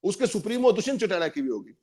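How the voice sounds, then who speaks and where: A man's voice: high-pitched, big pitch swings, fast talker, dark tone, slight background noise. A man giving emphatic political commentary on a panel, repeating points for stress.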